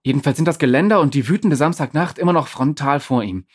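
A man narrating an audiobook story in an expressive, dramatic way. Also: fairly high pitch, fast talker. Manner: lively, expressive.

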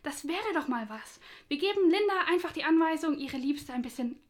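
A woman's voice: high-pitched, lively intonation, brisk. A woman playing a timid, eager young assistant who stammers and hesitates in an audio drama. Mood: hesitant. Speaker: production assistant.

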